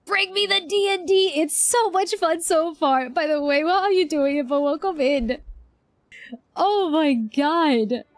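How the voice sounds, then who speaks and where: Heard in a dry recording, a woman with a high-pitched voice livestreams a game and reacts to a quest. Though her pace is measured, her casual chat with viewers is effusive and exclamatory.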